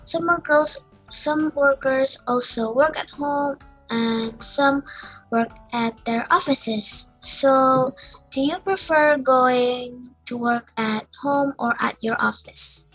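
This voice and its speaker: A young girl speaks slowly on a video call, in a high voice with some breathy huskiness. She puts prepared questions to a guest, with music in the background. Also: fairly bright tone, rough recording. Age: child. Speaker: young interviewer reading questions.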